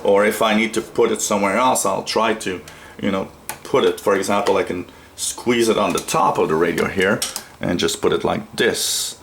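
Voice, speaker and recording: A Canadian man with a lowish, gravelly, fairly bright voice speaks at a normal speed in a steady tone, with a little hiss or hum in the audio. He's a shortwave radio hobbyist presenting a product at a radio desk in a small indoor room, giving a casual, unscripted tutorial that comes out hesitant and rambling.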